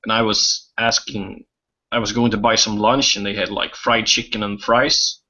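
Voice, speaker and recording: A man's voice: lowish voice, level tone, moderate pace, pushed and bright. A man from Sweden with a Swedish accent, chatting casually with friends and laughing often. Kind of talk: casual group chat. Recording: dull lo-fi sound.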